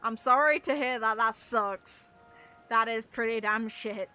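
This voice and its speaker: Her fairly high voice has a sharp edge and comes a little slowly over soft background music. She's a young adult gamer on a livestream, rambling through informal chat with viewers and letting a few mild curses slip.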